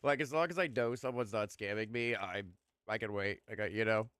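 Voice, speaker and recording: A man's voice: on the low side, a little fast, a bit bright, smooth, no room sound, clean studio sound. A young man streaming, chatting casually and rambling with lots of fillers and the odd swear word.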